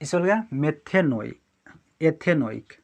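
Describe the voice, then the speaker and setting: A man's voice: fairly high pitch, expressive, measured pace, creaky. A male chemistry teacher lecturing a class, who keeps asking questions and answering them himself and repeats the key terms again and again.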